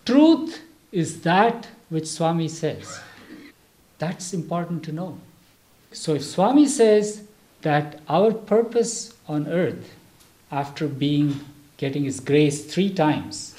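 Man, higher voice, animated storytelling sermon. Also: slow pace. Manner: storytelling, acts out the characters. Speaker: spiritual speaker. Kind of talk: sermon with interpreter.

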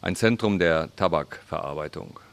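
Male voice-over interpreter, low-pitched, plain and even. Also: moderate pace, gravelly, no echo. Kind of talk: voice-over translation.

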